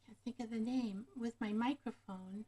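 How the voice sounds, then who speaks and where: Chatting casually with her livestream audience about crafts, a woman rambles on and often addresses viewers by name. Her voice sits on the high side, warm with a breathy edge, at a normal pace and fairly even intonation. The sound comes through a camera mic.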